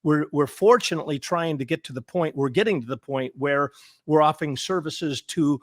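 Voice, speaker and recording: Earnest male therapist guest, emphatic and repetitive, stammering restarts, slightly high voice, dry close sound. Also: normal speed, no room sound. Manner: earnest and emphatic, repeats words for stress. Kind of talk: conversational interview.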